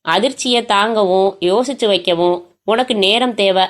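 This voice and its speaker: A woman voicing a menacing male kidnapper who speaks in a cold, measured, taunting way on the phone. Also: mid-range voice, lightly acted.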